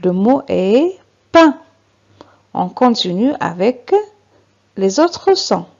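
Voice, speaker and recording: Very slow, lively woman teacher spelling syllables. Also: mid-range voice, creaky. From Algeria. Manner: spells out letters and syllables, repeats each word. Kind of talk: reading lesson for beginners. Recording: slightly dull lo-fi recording.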